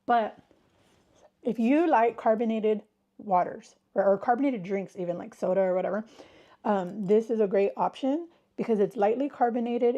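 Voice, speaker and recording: Chatting away on a casual livestream, this woman has a mellow, mid-range voice captured in dull-sounding audio. She's stuffed up from a sinus illness, and her talk with viewers wanders, with greetings tossed in mid-sentence.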